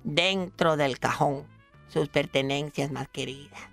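Milagritos, a recurring character on a radio comedy show, is a fussy old woman storyteller with a gravelly, slightly high, fairly bright voice, prim and easily shocked. In this comedy sketch she tells a story unhurriedly over faint background music. She frets constantly, lets out pious exclamations and calls people "mi amor".

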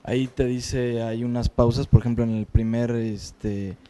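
Mellow-voiced student speaking from across the room. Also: male voice, medium pitch, level tone, unhurried, clean tone. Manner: explains with hesitant pointers to the page.

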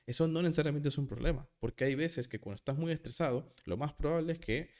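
A man's voice: a little high, quick pace, darkish tone. A man hosting a casual solo psychology podcast, talking through examples, often stopping to rephrase himself. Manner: rambling, self-correcting, with examples; self-described nervous.

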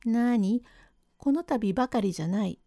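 A woman's voice: a little high, animated, moderate pace, gravelly, mellow, no room sound, studio quality. Woman doing a deaf, humble old father. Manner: polite, rambling, mishears everything. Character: elderly male plasterer's father, hard of hearing, humble. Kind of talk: rakugo storytelling reading.

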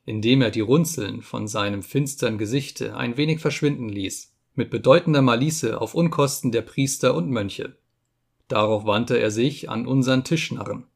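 Man, audiobook narrator, gravelly voice, measured formal reading, mid pitch. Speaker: audiobook reader. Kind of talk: audiobook narration of a classic text.

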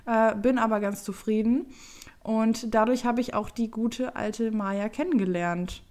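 A woman's voice: fairly high pitch, steady tone, a little slow, a little mellow. A woman in her twenties from Düsseldorf, co-hosting a podcast and telling stories in a chatty, playful way. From Düsseldorf, Germany. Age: 20s. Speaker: podcast co-host. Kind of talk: casual chat, storytelling.

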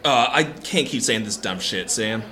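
An actor playing a fearmongering talk radio host who booms on air and grumbles off air. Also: male voice, lively intonation, normal speed, bright, forceful tone. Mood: grumbling.

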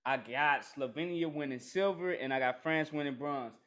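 Casting note: man, high voice, excitable host of a casual sports podcast. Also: normal speed. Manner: excitable, calls out segments.

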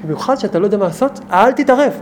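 A man teaches a small group as a rabbi, his high voice animated and emphatic. He asks many rhetorical questions, and the background is noisy.

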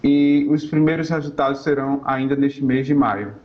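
A man gives an explanatory interview answer as a supervisor, measured and repeating himself as he goes. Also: medium pitch, steady tone. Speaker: research institute supervisor being interviewed. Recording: slightly dull recorded interview.

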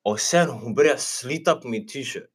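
Animated young man telling a story. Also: mid-range voice, slightly rough. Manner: animated storyteller mixing English phrases. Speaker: podcast co-host. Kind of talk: casual chat, storytelling.

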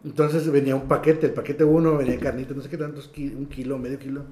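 A young man with a northern Mexican accent telling a story in casual, slang-heavy chat, often trailing off quietly at the ends of lines. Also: mid-range voice, little pitch movement, fast. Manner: slangy, drops "güey" constantly, trails off quietly. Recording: echoey room.

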